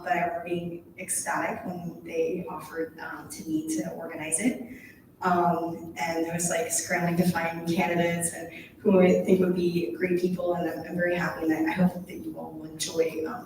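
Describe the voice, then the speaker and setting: A woman's voice: on the low side, level tone, moderate pace. A young woman around twenty, moderating a panel in a small room, friendly with many ums. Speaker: conference coordinator and moderator. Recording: echoey room from far off with noise.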